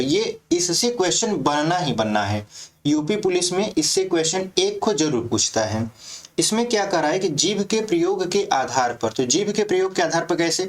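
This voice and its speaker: Male teacher, bit high voice, explains grammar step by step for exam prep, keeps checking students follow.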